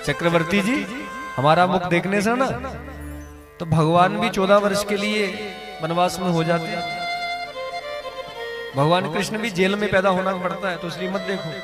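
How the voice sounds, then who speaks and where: A man voicing the stern planet god Shani, delivering slow, heavy, ominous warnings in a lowered voice. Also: fairly even intonation, music in the background, natural voice. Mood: grave.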